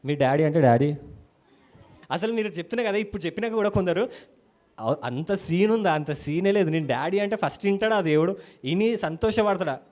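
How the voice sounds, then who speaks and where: A man with a Telangana Telugu accent preaching a sermon in a church, animated, acting out quotes and calling hallelujah to the congregation. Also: high voice, brisk.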